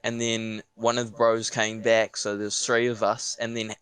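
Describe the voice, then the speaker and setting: A young guy with a broad Kiwi accent tells a casual story in slangy, sweary talk. His voice sits fairly low and is clean and smooth. The recording is close and dry, and his delivery is laid-back. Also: monotone, a little slow, fairly bright tone, no echo. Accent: broad New Zealand. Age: young adult. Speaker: podcast speaker.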